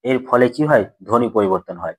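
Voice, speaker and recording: A man's voice: mid-range voice, animated, brisk, darkish tone, slightly rough, no room sound, rough recording. A man teaching a grammar lesson to school students, who poses questions and answers them himself and repeats the key points.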